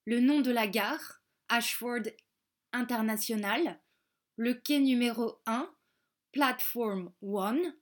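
A woman reading a children's storybook aloud, slow and careful, repeating words for young learners. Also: fairly high pitch. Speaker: audiobook reader.

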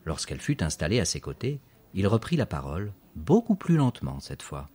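A man narrating a children's story with expressive, lively storytelling. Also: sits low, brisk, a little hiss or hum. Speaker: audiobook narrator.

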